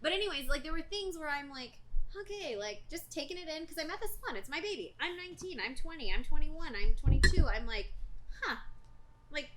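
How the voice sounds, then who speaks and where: A woman's voice: high-pitched, brisk, slight background noise, rough recording. A young adult woman, a salon business coach, talking casually as a podcast guest and acting out quoted voices. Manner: chatty, animated, acts out quoted voices.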